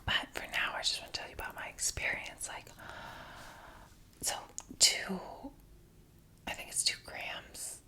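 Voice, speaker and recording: Girl doing a whispered asmr ramble, crisp bright whisper, super chatty and close on the mic. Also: low-quality recording. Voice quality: soft unvoiced whisper. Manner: informal, rambling, halting asides. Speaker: ASMR video creator. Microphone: close external microphone plugged into phone.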